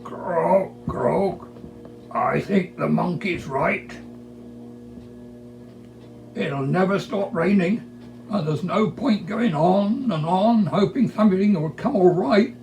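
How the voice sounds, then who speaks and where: A performer voicing a glum, hopeless, croaking frog in a storybook reading. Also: medium pitch, takes it slowly, pauses often, darkish tone, far from the mic, soft background music, pitched above the performer's own voice. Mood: gloomy, resigned. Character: glum croaking frog who has given up hope. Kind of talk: storybook character voice.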